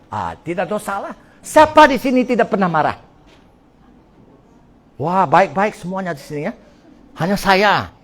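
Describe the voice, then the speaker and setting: High-voiced preaching pastor. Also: male voice. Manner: lively, mixes English phrases, laughs often. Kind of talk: sermon.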